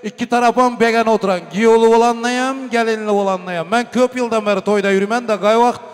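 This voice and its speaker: A man working as a wedding master of ceremonies, making festive, emphatic, booming announcements, giving blessings and directing guests. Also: steady tone, a little fast, smooth. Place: reverberant wedding venue. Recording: hall reverb with music behind. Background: music.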